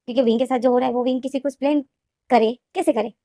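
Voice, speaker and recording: A woman retelling a fan fiction plot in a rapid, repetitive storytelling manner. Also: sits high, steady tone, warm tone, no room sound, clean studio sound. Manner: fast, repetitive storytelling with restarts. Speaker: story explainer.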